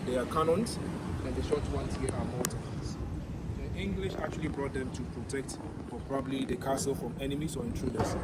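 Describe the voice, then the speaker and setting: Male tour guide in echoey stone chambers. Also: medium pitch. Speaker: tour guide at a historic castle. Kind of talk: guided tour narration, explanatory. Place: inside stone castle cells and passages. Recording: echoey stone chambers, distant mic, clear background noise.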